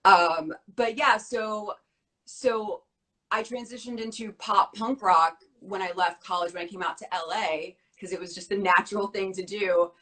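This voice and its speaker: In a casual interview chat, a young woman guest speaks fast and bubbly, full of filler words, while her voice sounds strained and somewhat worn because she's losing it. Her pitch is middling with a sharp tone, and the recording quality is low.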